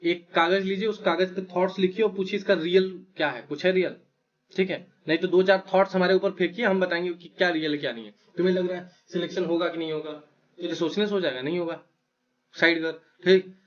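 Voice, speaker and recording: Talking fast in a high voice with fairly even intonation, recorded lo-fi, he coaches exam students like an older brother. The advice is blunt and emphatic, punctuated by frequent "right?" check-ins.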